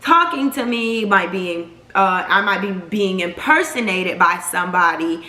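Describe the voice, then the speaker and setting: A young woman vlogger telling a story in a casual, animated, slangy way. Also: medium pitch, measured pace. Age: young adult. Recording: roomy echo.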